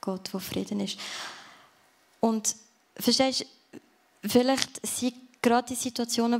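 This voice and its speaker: Gravelly-voiced woman preaching. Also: fairly high pitch, darkish tone. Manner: earnest, speaks directly to the listener. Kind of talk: sermon with closing prayer. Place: church service.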